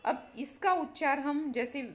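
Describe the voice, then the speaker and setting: A woman teacher giving a grammar lesson, spelling words out syllable by syllable and addressing her students directly. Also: high voice. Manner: slow, spells out syllables one by one.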